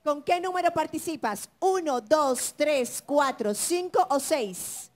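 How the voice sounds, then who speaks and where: A Dominican woman co-hosting a TV game show, explaining the rules briskly. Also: sits high, animated.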